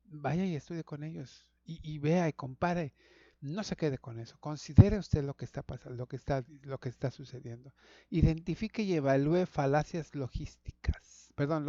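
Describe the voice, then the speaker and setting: A middle-aged pastor teaching a Sabbath school lesson to an online audience, talking conversationally, repeating words and calling listeners brothers. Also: male voice, a little high, mellow, dry recording, muffled recording.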